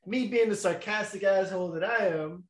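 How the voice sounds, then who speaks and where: A young man spins a rambling story in a relaxed, slangy way, laughing between lines. His voice sits a little high for a man. The room around him is echoey. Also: brisk. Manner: laid-back, laughing, slangy, many fillers. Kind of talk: casual storytelling chat.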